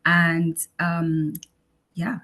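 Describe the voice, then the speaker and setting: A woman from Cameroon, a physician, presenting an online health session in a measured, explanatory way with some ums and restarts. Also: fairly low pitch, monotone, a bit bright, soft background music.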